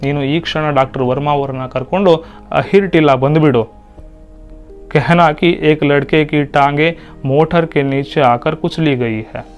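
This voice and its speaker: A man's voice: a little high, unhurried, muffled recording, soft background music. Male Hindi teacher explaining. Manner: reads Hindi lines, then explains them in Kannada. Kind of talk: lesson explaining a Hindi play in Kannada.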